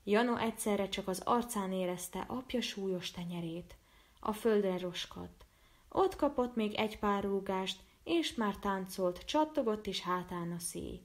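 Female storyteller, measured storybook reading, mid pitch. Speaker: storyteller and illustrator. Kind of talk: storybook narration.

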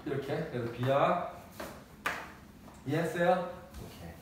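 With a fairly high voice and slow pace, a man tells a personal story during a relaxed math lecture, using blunt, slangy language and laughing a lot. The audio comes from a distant mic in an echoey room and is noisy.

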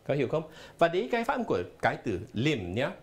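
Guy teaching on a tv studio show, really animated pitch, patient, spells stuff out letter by letter. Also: quick pace, slight background noise. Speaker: English teacher. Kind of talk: live televised language lesson. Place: television studio.

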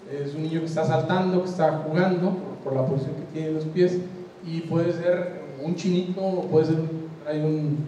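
A slightly high, dark-toned male voice belongs to an older Mexican-accented speaker giving a conference design lecture in a conversational way, regularly confirming the audience is with him. The highs are cut off and there is a little hiss or hum. He uses a handheld mic in a large hall of seated listeners, and the distant, roomy echo is audible.

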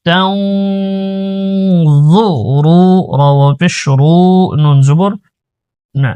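Quran teacher, Bangladeshi man, drawn-out chanting and letter-by-letter drills, smooth clear voice, dry close sound. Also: a little high, no room sound, muffled recording. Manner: chants verses slowly, then explains pronunciation rules rapidly. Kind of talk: slow recitation lesson with spelling drills.

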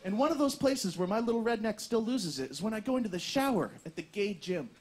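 A man doing a stand-up comedy set on stage, with animated, self-mocking, punchy delivery. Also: high voice, fast. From Canada. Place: comedy stage before a live audience. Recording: live show with audience laughter and noise.

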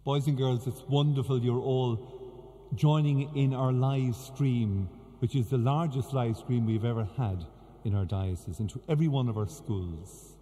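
A middle-aged man with an Irish accent, a bishop reading and preaching with measured, deliberate phrasing in cathedral echo. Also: medium pitch, warm tone. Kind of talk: liturgical reading and sermon. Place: large church, at the lectern. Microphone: gooseneck lectern microphone. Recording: cathedral echo, long reverberant church acoustic.

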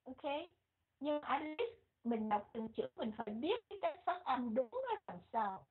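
A woman with a Vietnamese accent teaching English pronunciation, repeating words slowly and switching between English and Vietnamese. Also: sits high, sing-song, slightly rough. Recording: muffled, phone-like lo-fi audio.

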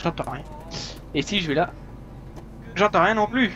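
A man's voice: high-pitched, expressive, moderate pace, lo-fi sound, over music. A young man hosting a gaming video, giving casual, playful commentary and joking as he plays. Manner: joking, playful, laughs a lot. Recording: noisy capture with game sounds.

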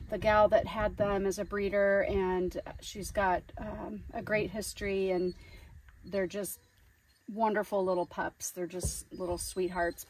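A woman in her forties chatting casually to camera outdoors, laughing easily. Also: mid-range voice. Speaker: homestead vlogger. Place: outdoors on a desert homestead. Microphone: camera held at a distance. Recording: distant outdoor camera sound, faint noise.

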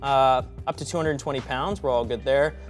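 A man's voice: mid-range voice, normal speed, soft background music. A young man hosting a tech unboxing, chatting casually and joking as he works through the box. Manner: upbeat, joking, thinks aloud while handling the product.

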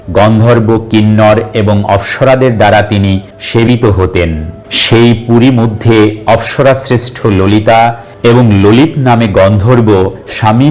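A man giving devotional instructions and telling a scripture story in a deliberate, recited manner. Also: fairly low pitch, a little mellow. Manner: slow, deliberate, recited listing. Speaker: devotional teacher.

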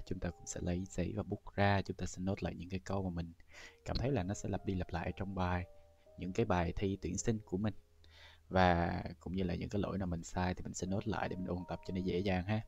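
A man's voice: deep voice, vocal fry, darkish tone, lo-fi sound. A man from Vietnam teaching English, walking a class through an entrance exam step by step and speaking straight to the students. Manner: explains step by step, addresses class directly. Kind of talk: exam-prep lesson walkthrough.

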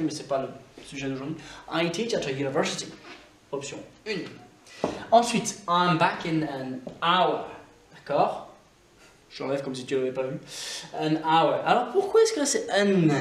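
A man, teaching English grammar to learners in a relaxed way. He repeats the example words slowly and thinks aloud with fillers. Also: fairly high pitch, roomy sound, slight background noise.

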